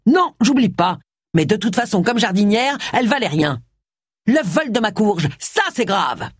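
Woman doing a hothead guy ranting, raised pitch, husky edge. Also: very animated, moderate pace, no room sound, clean studio sound. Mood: angry. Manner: angry, blustering. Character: hot-tempered middle-aged man, gardener.

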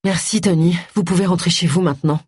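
A woman's voice: lowish voice, steady tone, quick pace, a little mellow, slightly rough, no echo, studio quality. A woman voicing a tired, blunt middle-aged woman detective in an audiobook, curt and weary.

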